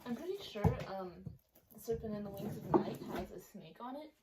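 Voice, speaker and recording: Heavy background noise surrounds this book vlogger, a young woman whose mid-range voice stays animated at a moderate pace. She talks casually and meanders, full of ums and self-corrections, with a retainer subtly affecting her words, likely outside or near a sunlit window indoors.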